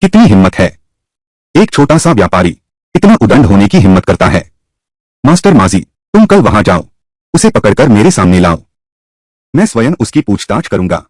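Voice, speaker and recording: A man plays a corrupt male governor, greedy and menacing, in a drama dub. His voice sits low and husky, yet it swings widely in pitch. It is recorded close and dry. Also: sing-song, moderate pace, long pauses, darkish tone, dry recording. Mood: indignant. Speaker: dubbing voice actor. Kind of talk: Hindi dub of a Chinese short drama.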